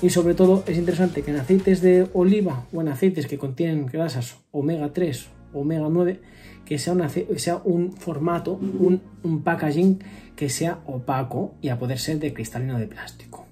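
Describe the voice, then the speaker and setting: A man's voice: on the high side, moderate pace, warm tone, faint music behind. A man in his thirties giving casual step-by-step nutrition advice at home on a webcam, with fillers and self-corrections. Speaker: nutrition vlogger. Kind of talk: casual explanatory vlog. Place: home room with wooden ceiling, indoors.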